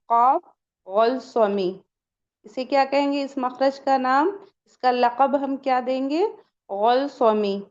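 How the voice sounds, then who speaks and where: A woman with a fairly high voice teaching a pronunciation lesson at a slow, careful pace. She poses questions and answers them herself, drawing out each sample sound. The recording is somewhat dull and muffled. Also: darkish tone. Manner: explains slowly, asks and answers her own questions, drawn-out sample sounds. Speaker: Quran recitation teacher. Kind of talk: step-by-step lesson.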